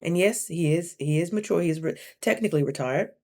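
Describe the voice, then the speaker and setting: A woman in her thirties with a slightly low voice, chatting to her camera in a loose, animated storytelling style. She keeps playing out both sides of a conversation as she goes. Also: brisk. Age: 30s. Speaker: vlogger.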